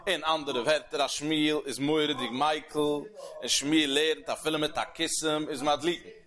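A man giving a Talmud lecture as a religious teacher, animated, with sweeping rises and falls in pitch. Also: unhurried. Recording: crowd heard behind the voice. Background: crowd murmur.

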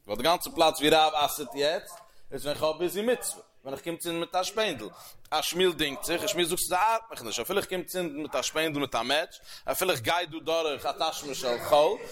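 A man giving a Talmud lecture as a religious teacher, animated, with sweeping rises and falls in pitch. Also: moderate pace. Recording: crowd heard behind the voice. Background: crowd murmur.

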